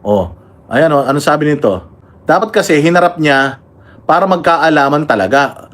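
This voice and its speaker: A man's voice: on the high side, lively intonation, normal speed, fairly bright tone. A man hosting a casual political commentary livestream, combative and mocking, thanking members and reading viewer comments aloud.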